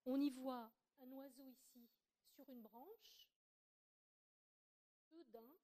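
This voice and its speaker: Woman giving a lecture, slightly high mellow voice, careful and full of little hesitations. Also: takes it slowly. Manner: careful, explanatory, with frequent hesitations and restarts. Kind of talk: academic lecture presentation.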